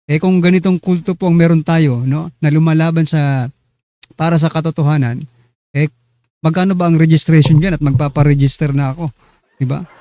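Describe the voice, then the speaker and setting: A man with a mellow voice on the high side hosts a casual online political commentary show. Chatty and teasing, he speaks directly to his viewers, and the recording is dry.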